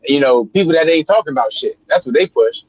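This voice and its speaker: A man's voice: fairly high pitch, animated, fast, dull audio. A man co-hosting a podcast over a call, talking in laid-back slang and often agreeing. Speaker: podcast co-host. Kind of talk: casual podcast discussion. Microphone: remote call.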